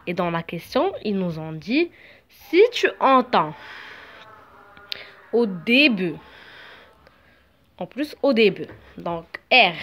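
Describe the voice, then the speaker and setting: Very slow-speaking woman teaching French. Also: mid-range voice, fairly bright tone. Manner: slow, syllable by syllable. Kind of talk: slow beginner reading lesson.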